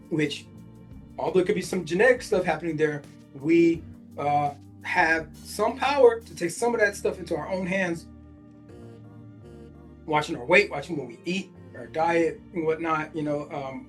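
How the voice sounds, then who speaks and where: A man's voice: a little high, normal speed, soft background music. A man in his forties hosting a podcast, reading a news article aloud and stopping often to react in casual asides full of fillers. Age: 40s. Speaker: podcast host.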